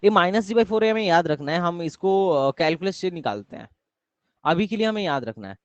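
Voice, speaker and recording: A young man teaches a live math class, repeating his questions and asking the students to answer. His voice sits a bit high. The sound is dry and dull, like an online call. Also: lively intonation, normal speed, dry recording. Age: young adult.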